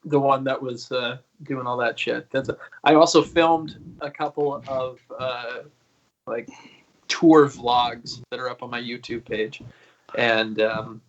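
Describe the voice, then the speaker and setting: This laid-back man in his thirties, a guest singer, rambles through stories on a video call, cursing and laughing throughout the casual interview. He speaks slowly in a steady, medium-pitched tone, and the audio lacks high frequencies.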